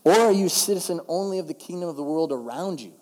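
A male pastor preaching a conversational, emphatic sermon, slowing down to stress key phrases. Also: a little high, animated, darkish tone. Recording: long reverb of a large hall.

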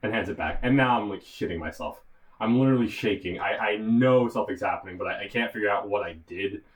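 A young man co-hosting a podcast, telling a story in a casual way, animated and often laughing as he talks. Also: fairly low pitch, fast, distant mic, low-quality recording. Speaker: podcast co-host.

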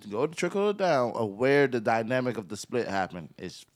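A man's voice: medium pitch, big pitch swings, normal speed. A man co-hosting a podcast, talking in slangy, emphatic casual chat and often talking over the others. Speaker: podcast co-host.

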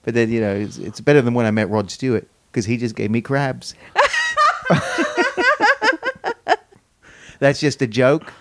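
A man's voice: medium pitch, huge pitch swings, slow pace, long pauses, pushed and bright, no room sound. A man co-hosting a podcast outdoors in a park, telling rambling jokey stories with many restarts. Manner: rambling storyteller, joking, stammers restarts. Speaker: podcast co-host. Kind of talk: casual chat, joking.

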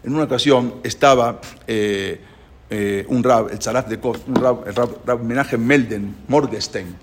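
A man giving a sermon-like religious lecture, speaking emphatically with sudden rises in pitch and loudness, and halting restarts when he searches for words. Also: noisy background.

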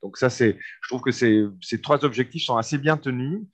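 A man's voice: mid-range voice, normal speed. A man from Argentina, a seminar discussant commenting on a book, speaking hesitantly with many fillers and restarts.

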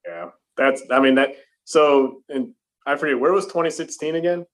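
A man of middle pitch hosting a casual interview. His questions come out halting, with frequent fillers and self-corrections before he gets to the point.

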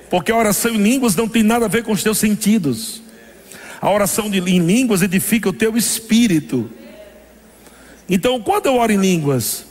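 High-voiced man preaching in a reverberant hall. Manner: emphatic preaching, laughing between phrases. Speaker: pastor. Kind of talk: sermon.

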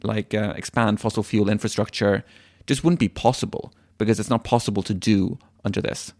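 A man giving explanatory answers as an interview guest, measured and often hesitating as he thinks. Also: on the low side, steady tone, darkish tone, no room sound, clean studio sound. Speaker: interview guest, environmental legal activist.

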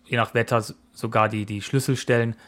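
A man in his forties talks through plans on a podcast in a loose, easygoing way. He rambles a little and hesitates often. His voice sits at an ordinary middle pitch. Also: little pitch movement, fairly quick, fairly bright tone. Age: 40s. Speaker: podcast co-host. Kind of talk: casual chat.

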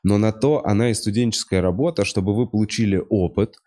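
A man's voice: on the low side, a little fast, dark tone. A man hosting a talk show, chatting casually in a thoughtful, hesitant way, with some swearing. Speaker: show host. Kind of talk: casual chat.

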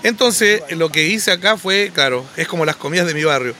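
Male podcast guest, fairly high, bright, chatty storyteller. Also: brisk. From Chile. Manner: animated anecdotes, frequent restarts. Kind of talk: casual storytelling.

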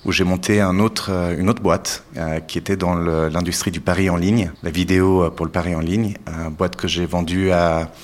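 A man, answering interview questions in a thoughtful way with many pauses and restarts. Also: deep voice, flat delivery. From Switzerland. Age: 40s. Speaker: entrepreneur guest.

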